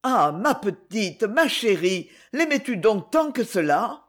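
A man with a husky voice voicing a gentle elderly grandfather who speaks tenderly and with agitation. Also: high voice, big pitch swings, slow pace, exaggerated voice.

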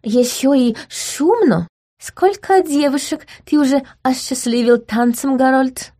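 A woman voicing a spoiled, possessive young duchess who chirps and turns shrill and indignant. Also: unhurried, mellow. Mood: chirpy.

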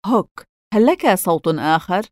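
A woman voicing a blustering, vain pirate captain with a booming, commanding way of talking in a storybook reading. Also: animated, moderate pace, a little mellow, no room sound, studio quality, close to an everyday voice. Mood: wary.

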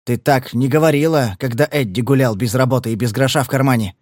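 A man's voice: mid-range voice, fast, a little mellow, no room sound, clean studio sound, natural voice. A male reader voicing a blunt, scarred thug who growls his threats. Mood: gruff. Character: thuggish, scarred male brawler, blunt and menacing.

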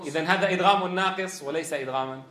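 A man's voice: fairly high pitch, very fast, bright, forceful tone, echoey room. A man teaching Quran recitation, asking students questions and demonstrating sounds. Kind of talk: tajweed lesson.

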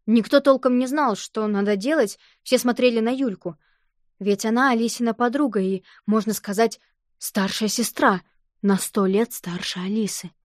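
A woman narrating a children's novel as an audiobook, reading in a lively, expressive way. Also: fairly high pitch, normal speed, no echo, clean studio sound.

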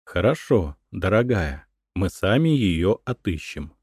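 A man voicing a calm young man who speaks gently and coaxingly, in an audiobook. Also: fairly low pitch, a little slow, slightly rough, no room sound, clean studio sound, pitched above the performer's own voice, full character voice.

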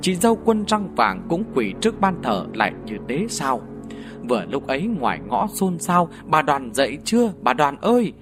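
A man narrating a ghost story audiobook in an animated, vivid way. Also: medium pitch.

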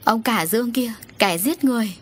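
A woman's voice: fairly high pitch, steady tone, brisk, slight background noise, pitched above the performer's own voice, close to an everyday voice. A woman voicing a grieving middle-aged mother who was once homeless and mad, speaking emotionally. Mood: accusing. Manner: emotional, pleading.

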